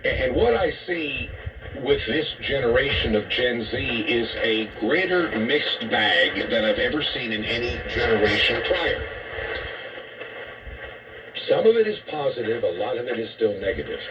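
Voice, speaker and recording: This radio host and commentator's mid-range voice has lively intonation and a slightly slow pace, picked up far from the mic. He delivers an emphatic, disapproving talk radio monologue with rhetorical questions, heard through muffled, noisy shortwave.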